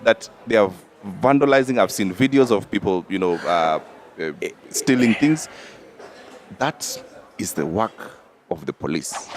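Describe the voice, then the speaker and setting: A man co-hosting a political talk show debates emphatically, driving his points home and repeatedly checking with "all right?". His voice is on the low side with lively intonation and a measured pace. A little hiss or hum sits in the recording.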